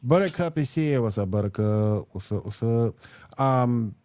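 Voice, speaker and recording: A man in his fifties hosting a livestreamed podcast in casual chat, laid-back and quick to laugh. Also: medium pitch, lively intonation, darkish tone, no echo. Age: 50s. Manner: laid-back, laughs easily, greets guests. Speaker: podcast host. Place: home studio, livestream.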